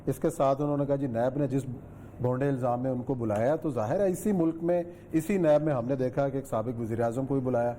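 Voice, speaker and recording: Tv host guy, mellow mid voice, keeps nudging the guest along, faint hiss behind. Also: mid-range voice. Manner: steady, prompting questions and short acknowledgements. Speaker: talk show host. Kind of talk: TV talk show hosting.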